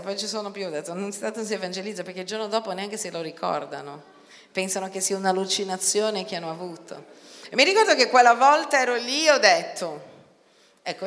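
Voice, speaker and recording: A woman preaching a sermon in an animated way, swinging between quiet talk and loud outcries. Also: mid-range voice. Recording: long hall reverb.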